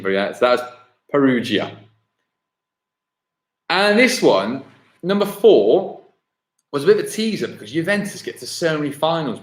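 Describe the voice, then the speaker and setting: A man hosting a live online quiz, chatty and given to thinking aloud and correcting himself. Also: medium pitch. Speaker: quiz host. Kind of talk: live-streamed pub-style quiz hosting. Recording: echoey room.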